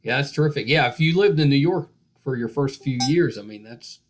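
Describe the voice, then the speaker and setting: A man's voice: mid-range voice, expressive, a little fast, slight background noise. A man hosting a podcast interview, effusive and full of praise, with lots of "yeah.". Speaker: podcast host. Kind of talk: casual interview chat.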